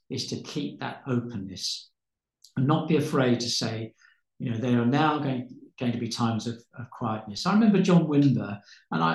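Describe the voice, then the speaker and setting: A man's voice: mid-range voice, vocal fry. A man, a pastor, telling stories with fervent, preaching energy, often repeating words as he builds. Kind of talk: passionate storytelling in conversation. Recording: roomy echo.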